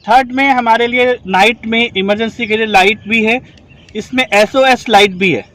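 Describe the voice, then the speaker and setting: A rescue trainer with a very high-pitched voice walks his class through a device step by step at normal speed, asking them to confirm as he goes. The background is noisy.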